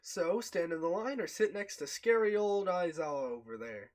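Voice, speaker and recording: A man's voice: high-pitched, animated, normal speed. A man playing a tabletop role-play game, chatting casually and rambling through his moves with in-character asides. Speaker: player.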